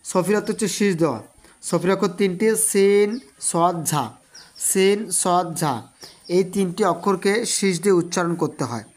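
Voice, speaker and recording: A man giving an online Quran reading lesson, who spells out letters slowly and repeats them for his students. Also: high voice. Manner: slow, repetitive spelling-out of letters; addresses students directly, encouraging.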